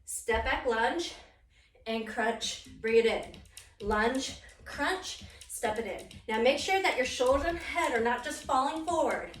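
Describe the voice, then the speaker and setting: A woman's voice: on the high side, slow pace. A woman teaching an exercise class as an aerobics instructor, calling short encouraging commands and counted cues while exerting herself. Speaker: aerobics and core fitness instructor. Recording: roomy echo, distant mic, music underneath. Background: music.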